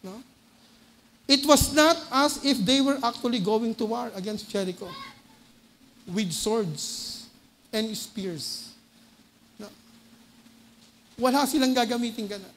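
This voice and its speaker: A man with a Filipino accent preaching a sermon. He often asks the congregation "no?" and moves between loud urgent bursts and low quiet asides. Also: takes it slowly, pauses often, slight background noise. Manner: keeps checking with the congregation by tagging "no?" onto phrases. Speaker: lay preacher. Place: church hall. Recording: long reverb of a church hall.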